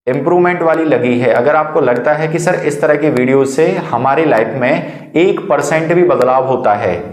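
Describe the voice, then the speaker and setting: A man's voice: on the high side, a little mellow, roomy sound. Hindi-speaking man teaching English phrases. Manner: drills phrases slowly for repetition; coaxing, urges viewers to repeat. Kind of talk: spoken English lesson.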